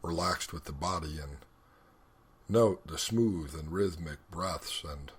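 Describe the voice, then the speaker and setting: Guiding listeners through a meditation, a male instructor speaks in a measured, instructional manner with deliberate pauses. His voice sits low and sounds slightly rough.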